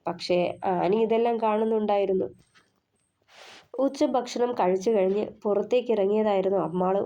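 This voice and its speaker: A woman narrating an audio novel in a steady storytelling manner. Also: mid-range voice, dull audio.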